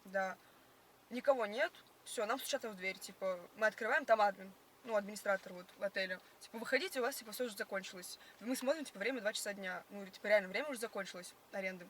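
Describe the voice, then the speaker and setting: A young woman with a bright, crisp-edged voice chats casually. She tells her stories in slang, packed with filler words. The recording is made in a car, with light background noise. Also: medium pitch, quick pace. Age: young adult. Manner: slangy, filler-heavy storytelling. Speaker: passenger being interviewed. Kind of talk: casual chat, storytelling. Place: inside a car.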